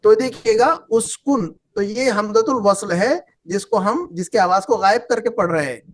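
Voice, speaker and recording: A man's voice: high voice, expressive, moderate pace. A man teaching an Arabic class, patiently repeating phrases and quizzing his students. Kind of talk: online class lesson.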